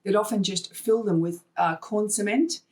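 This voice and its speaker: This woman from Hong Kong has a medium-pitched, darkish voice and a moderate pace. An artist and wildlife fundraiser appearing as a podcast guest, she chats through a conversational storytelling interview, sharing anecdotes and acting out bits of dialogue she remembers.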